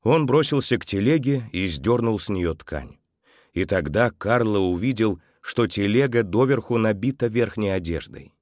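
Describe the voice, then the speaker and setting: A male storyteller with a low, deep voice reads a children's tale aloud. His delivery is expressive and grows softer at the sad moments, recorded close and dry. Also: normal speed, dry recording. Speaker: narrator.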